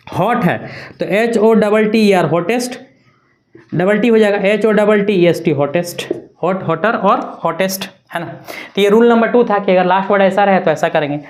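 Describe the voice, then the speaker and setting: A woman's voice: medium pitch, normal speed, darkish tone. A woman teaching an English grammar lesson, spelling words out letter by letter and checking in with her students often. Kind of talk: classroom-style grammar lesson.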